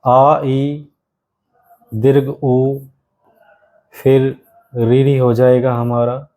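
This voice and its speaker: Teaching grammar for an exam, this male instructor calls the students "my friend" again and again and slowly repeats key phrases for note-taking. His medium-pitched voice is mellow and monotone, and the recording is low quality.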